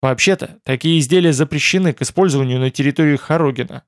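Anxious young bride-to-be, soft and fretful, audiobook; male reader lifting his pitch, dry sound. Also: fast talker, dry recording, close to an everyday voice.

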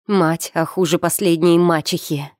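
A woman's voice: steady tone, unhurried, a little mellow, no room sound, studio quality, lightly acted. A woman voicing a spoiled, weepy young noblewoman who sobs and wails her lines in an audiobook. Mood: shrieking. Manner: sobbing, wailing, shrill. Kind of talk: audiobook character reading.

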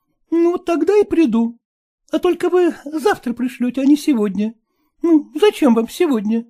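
A man voicing a sly, coaxing housekeeper woman in a chattering falsetto for an audiobook. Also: lively intonation, normal speed, dark tone. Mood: scolding. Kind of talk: audiobook character voice.

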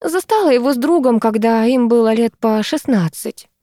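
A woman's voice: on the high side, normal speed, dry recording, studio quality, pitched above the performer's own voice, close to an everyday voice. A woman reading as a weary, blunt middle-aged mother. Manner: flat, cracked, matter-of-fact.

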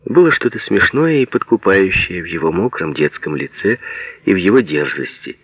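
A man narrates a literary audiobook in a measured, even way. His voice sits fairly low. It is recorded close and dry, and the sound is dull and lo-fi. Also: breathy edge, no room sound.

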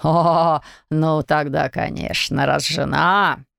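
A meddling storybook neighbor who teases in a slow, lazy drawl, as a woman reader puts him on. The voice is low and gravelly, and the recording is dry. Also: steady tone, fairly bright tone, no room sound, exaggerated voice. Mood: teasing. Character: mocking, meddling male neighbor, middle-aged.

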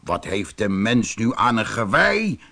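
A man's voice: on the low side, big pitch swings, a little slow, vocal fry, pushed and bright, voice pushed down, heavily acted. A man voicing a stubborn male sheep in a storybook, dismissive of the others.

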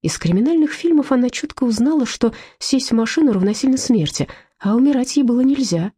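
A woman narrating an audiobook in lively storytelling fashion. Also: fairly high pitch, fairly quick, husky, no room sound. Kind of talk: scripted narration.

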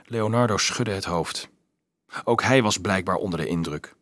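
A man narrating an audiobook in an expressive storytelling manner. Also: sits low, normal speed, dry recording.

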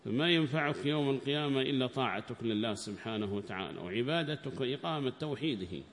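A man giving a religious lesson on Quran commentary, reading the text aloud in a raised voice and explaining it more quietly. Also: medium pitch, lively intonation, fast talker, big-room sound. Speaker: Islamic scholar teaching tafsir.

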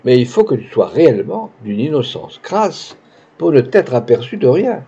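Jeune actrice prétentieuse, grandiloquente, lue par un homme, voix feutrée. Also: male voice, mid-range voice, sing-song, normal speed, vocal fry, warm tone, husky, highs cut off, full character voice. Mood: scornful. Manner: pompous, gushing. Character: young woman, pretentious theatrical actress.

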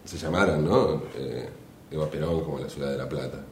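A man's voice: very deep voice, brisk, echoey room, slight background noise. An Argentine man co-hosting a radio panel show, chatting casually with joking banter. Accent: Argentine Spanish. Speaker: radio co-host.

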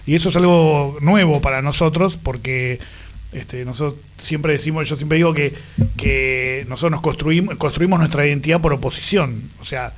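High-pitched Argentine male radio host. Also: moderate pace, slight background noise. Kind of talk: conversational radio interview.

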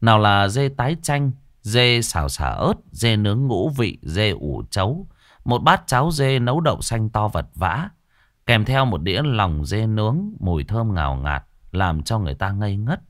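A man's voice: on the low side, very animated, normal speed, a bit bright, no echo, studio quality. A man narrating a ghost story in a dramatic, vivid manner.

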